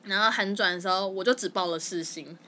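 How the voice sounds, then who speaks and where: A young woman with a Taiwanese Mandarin accent, telling her story as a podcast guest in casual chat, animated and often stumbling over repeated words. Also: mid-range voice, a little fast, slight background noise. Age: young adult.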